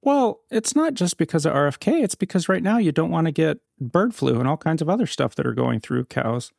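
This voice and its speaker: A man with a gravelly, slightly high voice argues his points in casual conversation as a podcast co-host. He is measured and leans on analogies. The sound is dry and close. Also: lively intonation, darkish tone, dry recording. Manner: measured, argumentative, uses analogies. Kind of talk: casual chat.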